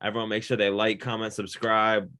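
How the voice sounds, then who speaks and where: On a producer interview show, the host talks casually to his guest, hyping him up, affirming and thanking him often. He speaks a little fast in a low-ish voice that's pushed and bright, though his delivery is flat.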